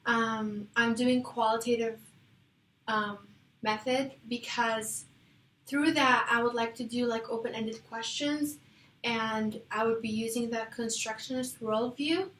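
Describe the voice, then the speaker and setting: A woman's voice: on the high side, fairly even intonation, unhurried, fairly bright tone. A young woman from Iraq presenting her research proposal to classmates, hesitant, with fillers and self-corrections. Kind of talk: casual class discussion. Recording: echoey room with faint noise.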